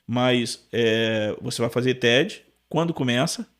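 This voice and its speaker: A man hosting a podcast, asking relaxed, encouraging interview questions. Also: medium pitch, takes it slowly.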